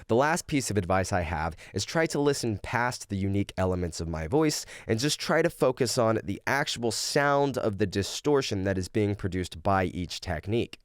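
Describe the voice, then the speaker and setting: A man giving an explanatory lesson as a vocal coach, speaking in an animated, instructive way. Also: lowish voice, normal speed, few pauses, clear, resonant tone, no room sound, clean studio sound. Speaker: vocal coach teaching screaming technique.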